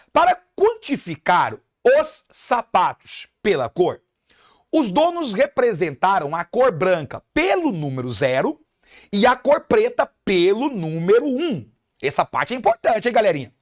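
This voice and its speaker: A math teacher with a Brazilian accent reading an exam question aloud and explaining it step by step to students. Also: medium pitch. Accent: Brazilian Portuguese. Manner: reads the problem aloud then explains it step by step, calls students "galerinha".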